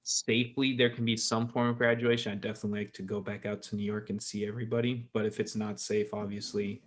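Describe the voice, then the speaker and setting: A man's voice: lowish voice, flat delivery, fast. A man in his early twenties talking casually as a podcast host, rambling and correcting himself as he goes. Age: 20s. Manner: rambling, self-correcting, laughs easily. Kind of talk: casual chat.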